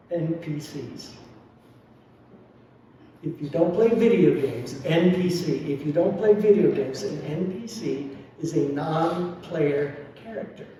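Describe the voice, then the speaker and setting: This is a lay Buddhist speaker delivering a dharma talk, his tone confessional and reflective with touches of wry humor. His voice is warm and fairly high-pitched. Slight background noise comes through, and the distant mic picks up a very echoey hall.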